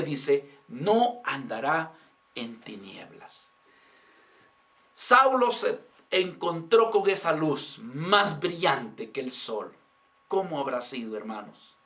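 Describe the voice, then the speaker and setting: A male pastor delivers a sermon in an unhurried, deliberate way, leaving room between his phrases. His voice sits fairly high for a man. He keeps putting rhetorical questions to the congregation, rising on some lines and dropping to a hush at the end of others. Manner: preaching with rhetorical questions, addressing the congregation as brothers; dramatic swings from raised voice to hushed endings. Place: church.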